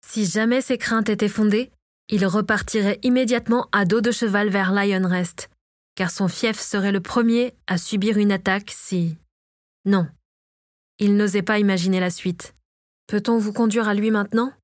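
A woman narrating a fantasy novel in a steady, measured reading. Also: mid-range voice, no echo, studio quality. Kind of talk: audiobook narration.

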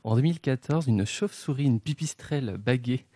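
A man's voice: medium pitch, fairly quick, mellow, no room sound. Playful male morning radio host. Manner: playful, laughs at own slips. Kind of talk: casual morning radio chat. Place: radio studio. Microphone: studio microphone.

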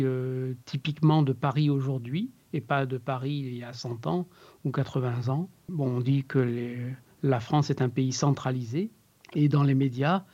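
A man working as an accent coach, explaining in an interview in a measured way with frequent hesitations. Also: medium pitch, darkish tone, dull audio.

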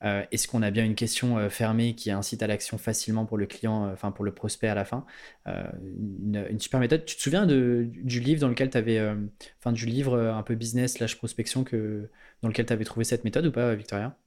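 A man's voice: lowish voice, fairly even intonation, brisk, a little mellow. A man hosting a podcast interview, talking casually and rambling, with many fillers and restarts. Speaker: podcast host.

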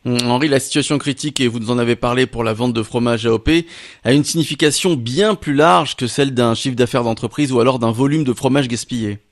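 A man hosting a radio interview in a studio, courteous and brisk as he introduces his weekly guest. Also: medium pitch. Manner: smooth, courteous, brisk host patter. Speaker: radio host. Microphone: studio microphone.

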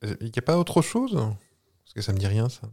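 Male podcast co-host, teasing dry quips, very lively up-and-down pitch. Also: normal speed. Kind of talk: casual chat.

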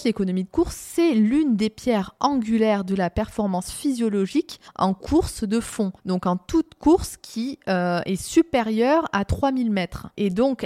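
A young woman hosts a running podcast, explaining things casually as if thinking aloud, with frequent hesitations and restarts. Her voice is a little high and mellow, captured in a dry, studio-quality recording.

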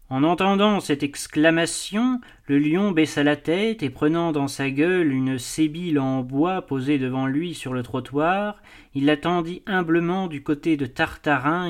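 Man narrating a classic novel. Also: fairly high pitch. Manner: expressive, measured storytelling. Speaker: audiobook reader.

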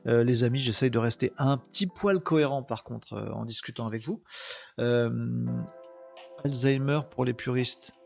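A man's voice: mid-range voice, moderate pace, gravelly, darkish tone. A man hosting a casual live stream, chatty and self-mocking, answering viewers' comments as he goes. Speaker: live show host. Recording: slightly dull sound with faint music behind.

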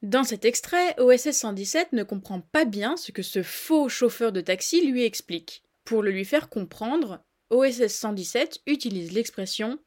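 A woman's voice: on the high side, animated, moderate pace, few pauses, darkish tone. Playful woman hosting a language podcast. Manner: playful, chatty explainer addressing listeners. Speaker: podcast host. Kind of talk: scripted explanatory podcast.

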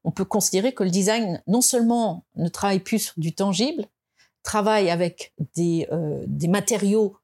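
A woman from France speaking as a guest in an interview, reflective and hesitant, with many fillers and restarts, and rising in pitch to stress her points. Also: normal speed, a little mellow. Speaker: design expert guest. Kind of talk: conversational interview.

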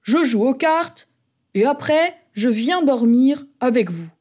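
A woman's voice: high voice, animated, takes it slowly, darkish tone, exaggerated voice. A woman voicing a friendly, easygoing father in a children's story. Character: cheerful dad, a grown man.

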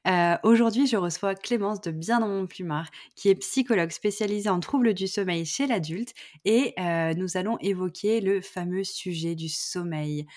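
A woman's voice: lowish voice, normal speed, a little mellow. A woman hosting a podcast, reading a scripted intro and then asking questions enthusiastically with many fillers. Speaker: podcast host.

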